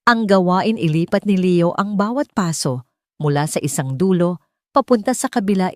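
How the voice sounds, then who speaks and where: An audiobook narrator with a Filipino accent reads a scripted, dramatic story. Her voice is on the low side with a darkish tone, recorded in studio quality with no room sound.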